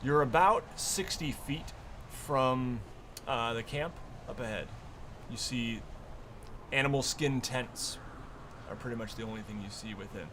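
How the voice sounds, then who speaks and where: A man runs a tabletop game, improvising his narration. He speaks very slowly and stops mid-sentence often. Noticeable noise sits behind his voice. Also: mid-range voice, fairly bright tone. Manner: halting, pausing mid-sentence. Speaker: game master.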